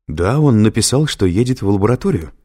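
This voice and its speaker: A man's voice: on the low side, lively intonation, a little fast, warm tone, pitched above the performer's own voice. A man reading an audiobook, voicing a frightened, insistent woman scientist in a raised, urgent voice. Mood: alarmed. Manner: urgent and alarmed.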